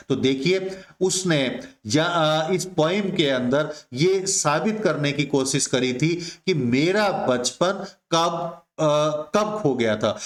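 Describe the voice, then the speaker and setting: Slow-talking Hindi teacher man. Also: fairly high pitch. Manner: slow, repetitive, addresses students as my dear friends. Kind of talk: explaining a poem to students. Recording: echoey room.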